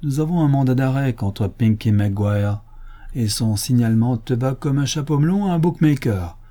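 A man's voice: medium pitch, normal speed, warm tone, close to an everyday voice. A man voicing a brusque, mocking police detective making an arrest. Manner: brusque, sarcastic.

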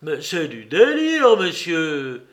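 Man putting on an enraged old police chief, bright raised voice, booming accusations, storybook reading. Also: wildly swooping pitch, slow, full character voice. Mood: indignant. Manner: raging, accusing outbursts.

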